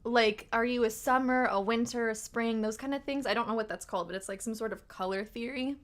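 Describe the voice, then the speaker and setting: A young woman hosting a casual livestream, chatting in a rambling way and laughing often, her voice a little tired and rough. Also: fairly high pitch, fairly even intonation, a little fast. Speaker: livestream host and tarot reader.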